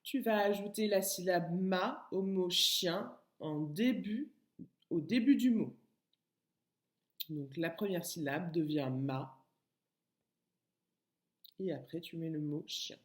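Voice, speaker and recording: A woman's voice: lowish voice, slow, long pauses, roomy sound. A woman teacher giving a recorded lesson to young children, speaking patiently and addressing the child directly. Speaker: kindergarten teacher.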